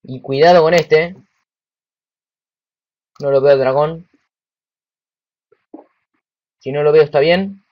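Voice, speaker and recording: A man with a Rioplatense Spanish accent giving casual let's-play commentary. He is excitable, talks to himself and to the game, and swears when frustrated. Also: on the high side, measured pace, dull audio. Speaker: gameplay commentator.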